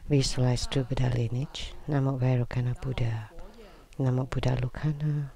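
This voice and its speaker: A man's voice: mid-range voice, little pitch movement, normal speed, creaky, dark tone. A man giving live English interpretation at a temple gathering in short, plain phrases.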